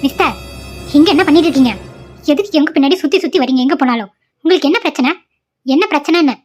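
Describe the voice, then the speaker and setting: A woman's voice: high-pitched, quick pace, soft background music, close to an everyday voice. A woman voicing a stern, short-tempered young mother in a cartoon, speaking harshly and scolding. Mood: angry. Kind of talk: cartoon voice acting. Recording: dull lo-fi recording.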